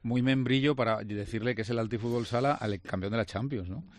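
A man's voice: medium pitch, brisk. A man on a radio sports panel, giving blunt, critical opinions. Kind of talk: heated opinion talk.

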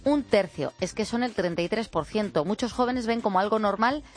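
A woman's voice: mid-range voice, a little fast, faint music behind. A woman with a Spanish accent chatting casually as a radio co-host. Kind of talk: casual chat.

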